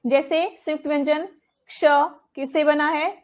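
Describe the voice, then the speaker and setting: A woman's voice: sits high, flat delivery, a little slow. A woman teaching a Hindi grammar lesson for exam coaching. She repeats terms and asks questions, then answers them herself.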